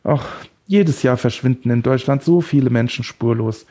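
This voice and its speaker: A man's voice: medium pitch, normal speed, warm tone, lightly acted. A man voicing a deranged male woodcutter who holds someone captive, taunting and smug, then creepily tender. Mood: mocking. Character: deranged male woodcutter kidnapper, mocking and obsessive.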